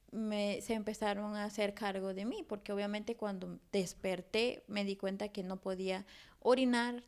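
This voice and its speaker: A woman's voice: medium pitch, a little mellow, smooth. Woman in her thirties telling her story. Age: 30s. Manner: rambling, many restarts and fillers. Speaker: interview guest. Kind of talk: personal testimony in conversation.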